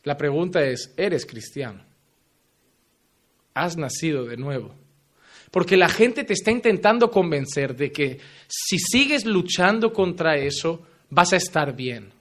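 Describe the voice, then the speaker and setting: Fervent high-voiced preacher man. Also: expressive, measured pace. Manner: fervent, confronting listeners with direct questions; swings between loud emphatic lines and low quiet endings. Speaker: pastor. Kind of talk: sermon.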